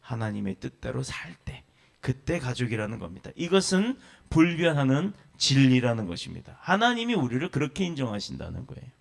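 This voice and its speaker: A man's voice: medium pitch, sing-song, a little fast, vocal fry. A man who pastors a church, preaching a sermon with emphatic lists and rhetorical questions.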